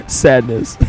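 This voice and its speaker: A man's voice: mid-range voice, a little mellow, slightly rough, low-quality recording. A teenage boy rambling through casual gameplay commentary, self-deprecating, with many fillers and restarts, speaking close to a weak microphone. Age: teens. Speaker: let's play commentator. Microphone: weak mic at close range.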